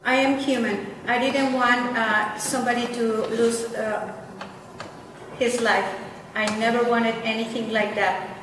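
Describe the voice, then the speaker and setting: A woman speaking as a live court interpreter, voicing a defendant's words in the first person with slow, hesitant phrasing. She is captured from a distance in a long-ringing courtroom, and clear background noise sits under her voice. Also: on the high side, steady tone. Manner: halting, hesitant with fillers. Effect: live interpreter voice rendering a defendant's words in court. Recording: echoey courtroom from far off, noisy.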